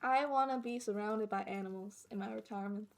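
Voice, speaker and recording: A woman's voice: medium pitch, brisk, creaky. A woman streamer giving casual reaction commentary in a cute, gushing anime-streamer manner. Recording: music behind the voice. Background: background music.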